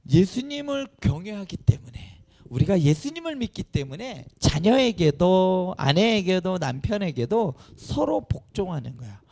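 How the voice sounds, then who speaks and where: A man's voice: high-pitched, normal speed, creaky. A man preaching a children's sermon as pastor, often asking the children questions and calling on them. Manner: animated, questioning the children directly. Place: church sanctuary.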